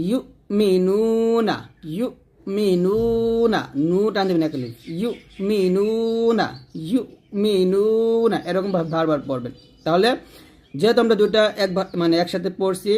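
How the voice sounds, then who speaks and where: A man teaching Quran reading by spelling out letters and vowel marks, then slowly repeating each word three times. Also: high voice, a little mellow. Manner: switches between quick explaining and drawn-out chanted recitation.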